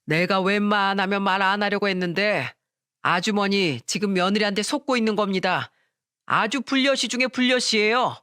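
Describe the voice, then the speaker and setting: A woman's voice: mid-range voice, moderate pace, fairly bright tone, smooth, no echo, studio quality, natural voice. A woman voicing a rude, blunt middle-aged male taxi driver who sneers and scolds, in a storytelling radio drama.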